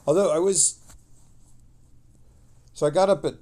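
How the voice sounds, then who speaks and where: Here a middle-aged man, sounding worn out, rambles casually during a livestream, speaking haltingly and trailing off mid-sentence. His pitch is fairly high and his tone mellow.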